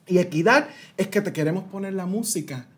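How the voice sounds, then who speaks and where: A Puerto Rican man in his thirties, appearing as a guest consultant in an interview, explains ideas animatedly using everyday analogies and mixing in some English words. His voice sits high and brisk with a breathy edge.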